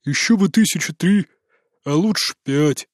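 A man's voice: a little high, unhurried, no room sound, studio quality, close to an everyday voice. A man reading an audiobook voices a blunt male technician from the crew, plain and matter-of-fact. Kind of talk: audiobook character voice.

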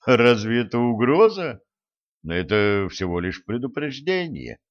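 A grim, curt wandering hero, read by a man in an even, mid-pitched voice close to the narrator's own. He speaks sternly in a storybook reading on a slightly dull, lo-fi recording. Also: a little slow.

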